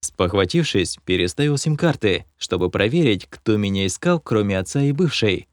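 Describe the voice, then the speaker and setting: A man reads an audiobook in the first person, wry and self-mocking about himself. His pitch is in the middle but very lively. The sound is dry and close to the mic. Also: normal speed, dry recording. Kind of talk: audiobook narration.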